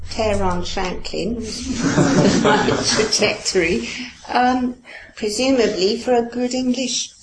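With a voice on the high side and background noise behind her, a poet from Iran who grew up with Farsi responds to interview questions. She's musing and hesitant, laughing lightly and leaning on plenty of "you know" fillers.

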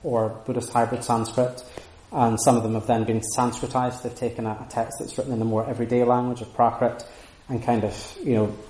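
In an echoey room before an audience, a male lecturer on Sanskrit texts gives an informal talk with questions from the floor, thoughtful and prone to restarts and hedging fillers. His mid-range voice is level and darkish, a little fast, with few pauses.

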